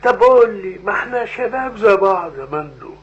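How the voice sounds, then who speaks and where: A man's voice: sits high, expressive, fast, fairly bright tone, dull audio. An actor playing a stubborn, easily frightened old father in a comic radio drama, speaking with an Egyptian Arabic accent and hurling repeated insults in a frantic rush. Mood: panicked. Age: older.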